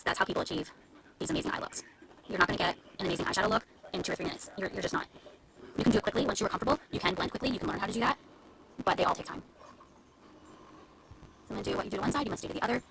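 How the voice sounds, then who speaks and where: Fast, gravelly-voiced woman teaching makeup. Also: medium pitch, wildly swooping pitch, heavy background noise. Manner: chatty, explains step by step in detail. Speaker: beauty influencer. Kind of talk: live makeup tutorial. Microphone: live-stream camera mic.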